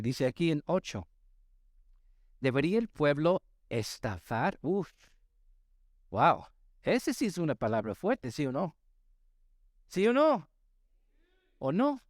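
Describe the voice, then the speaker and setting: A man's voice: fairly high pitch, no room sound, clean studio sound. A male pastor preaching a sermon to a live congregation, emphatic and repeatedly asking the audience to respond. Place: church service with live congregation.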